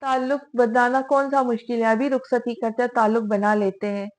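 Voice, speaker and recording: A woman's voice: fairly high pitch, fairly even intonation, normal speed, lightly acted. Woman reading as a possessive young husband. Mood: furious. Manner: teasing then fiercely possessive.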